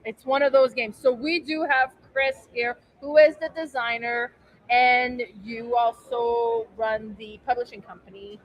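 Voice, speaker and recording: A woman's voice: fairly high pitch, steady tone, measured pace, poor audio. A woman hosting a live board game stream at a convention, upbeat and enthusiastic as she leads the talk. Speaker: board game channel host. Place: convention center.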